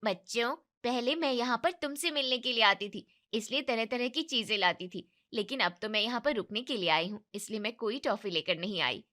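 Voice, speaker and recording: A woman voicing a lazy, demanding young married woman who gives orders in a bossy, entitled way in an animated story. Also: on the high side, normal speed, few pauses. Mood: breezy.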